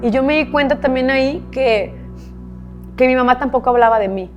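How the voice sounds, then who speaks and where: Candid Mexican woman, higher voice. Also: fairly quick, darkish tone, lo-fi sound, soft background music. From Monterrey, Mexico. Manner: candid, repetitive, swears casually. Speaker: guest. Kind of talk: emotional personal storytelling.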